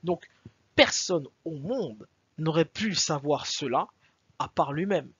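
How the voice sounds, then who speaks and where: A man's voice: fairly high pitch, lively intonation, slow, fairly bright tone, breathy edge, no room sound, muffled recording. A man giving an explanatory video lecture as a religious teacher, emphatic, repeating his points and asking his listeners questions.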